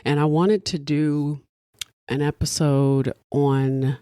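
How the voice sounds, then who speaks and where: A woman's voice: low-pitched, steady tone, slow, warm tone, clear, resonant tone, no echo, studio quality. An American woman in her thirties or older, hungover, giving casual solo podcast commentary in a candid, digressive, conversational way with offhand swearing. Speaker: podcast host.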